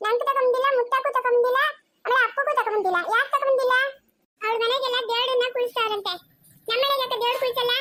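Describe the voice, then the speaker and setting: A woman's voice: very high-pitched, steady tone, racing, sharp tone, pitched above the performer's own voice. A woman voicing a bossy little girl who pesters her grandmother with whiny, demanding questions, in a Chikkaballapur Kannada accent. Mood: pestering.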